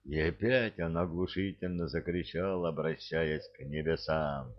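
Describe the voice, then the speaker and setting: A man narrating an audiobook in a measured, dramatic storytelling manner, in a dull lo-fi recording. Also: a bass voice. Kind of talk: audiobook reading.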